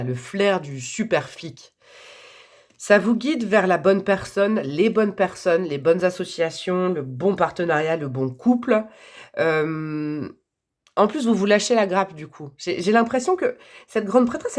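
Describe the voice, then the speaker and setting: A woman's voice: fairly low pitch, a little mellow. A woman giving a casual tarot reading to camera, chatty and enthusiastic, thinking aloud with many fillers. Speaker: tarot reader.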